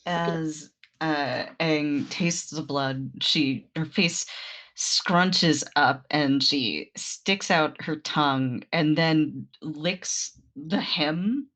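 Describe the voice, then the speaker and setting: Woman player in a tabletop game, real slow laid-back talk, lowish voice, swears casually. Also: fairly bright tone. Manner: unhurried, loose, casual narration with swearing. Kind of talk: tabletop game play and narration.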